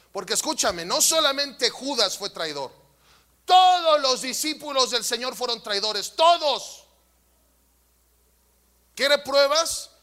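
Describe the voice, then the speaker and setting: A man with a Mexican Spanish accent, preaching a sermon who acts out voices and then shouts at the congregation. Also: extremely high pitch. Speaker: pastor.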